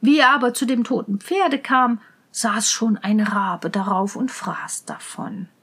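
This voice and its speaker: A woman reading a fairy tale aloud in a measured, gentle manner. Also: a little high, breathy edge. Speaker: storyteller.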